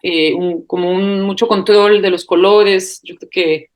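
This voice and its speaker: A film director from Costa Rica, a woman speaking Costa Rican Spanish, answering interview questions with many pauses, fillers and restarts. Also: mid-range voice, steady tone. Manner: hesitant, thinks aloud with many fillers and restarts; laughs lightly while talking.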